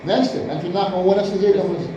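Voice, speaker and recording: Man, high pitch, drilling a student on grammar; echoey room, faint background noise. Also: fairly even intonation, racing, highs cut off, crowd noise. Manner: repeats words, quizzes the student. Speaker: grammar teacher. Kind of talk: Arabic grammar lesson, question and answer.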